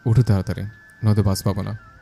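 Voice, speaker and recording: A man playing a gentle pleading young husband. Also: on the low side, level tone, fast, creaky, soft background music. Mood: coaxing. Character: young husband coaxing and apologizing to his wife. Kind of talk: Bengali audio drama acting.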